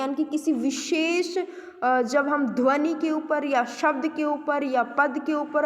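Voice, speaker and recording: A woman's voice: high-pitched, reverberant, big-room sound. A woman teacher giving a lecture, repeating points and asking questions she then answers herself. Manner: repetitive, asks and answers own questions. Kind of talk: explanatory lecture.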